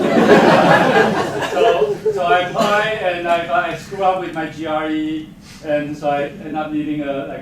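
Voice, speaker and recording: This man's voice sits on the high side and echoes around the lecture hall where he, a geophysics professor born in Taiwan, gives a casual faculty talk in English. He chuckles a lot, pokes fun at himself, and uses non-native grammar. The far-off mic captures a very echoey, noisy sound.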